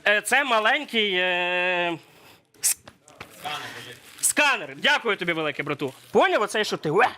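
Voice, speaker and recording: A man's voice: sits high, animated, measured pace, pauses often, bright, forceful tone. A man unboxing on stream in casual chat, playful and full of jokes. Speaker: streamer unboxing a collector's edition.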